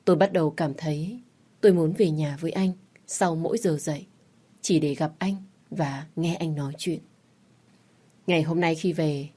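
Woman narrating softly in a low, mellow voice. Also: husky. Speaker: story narrator. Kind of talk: scripted first-person romance narration.

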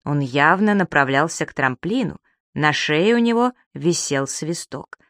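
A woman reading a children's audiobook in an even storytelling manner. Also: deep voice, measured pace, dry recording, studio quality. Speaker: narrator. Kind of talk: audiobook narration.

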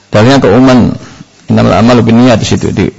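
A man teaching an Islamic question-and-answer lecture, unhurried, with frequent "nah" fillers and a gravelly voice. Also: mid-range voice, darkish tone. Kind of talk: religious Q&A lecture. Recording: dull lo-fi lecture recording.

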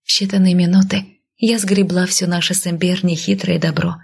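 A woman narrating a story in first person as whispered role-play, slow and intimate. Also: lowish voice, little pitch movement, darkish tone. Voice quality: husky, gravelly whisper. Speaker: audiobook narrator.

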